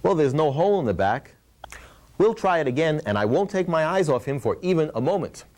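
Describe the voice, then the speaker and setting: A man's voice: a little high, very animated, brisk, darkish tone. A man hosting a puppet show as the ventriloquist straight man, asking questions in a patient, instructive way. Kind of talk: scripted puppet show patter.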